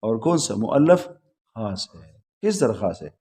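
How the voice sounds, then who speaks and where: A man with a dark, mellow, low-ish, sing-song voice lectures on logic to a class at a religious school. He keeps questioning the students, waits for their replies and patiently repeats them, going over each point more than once.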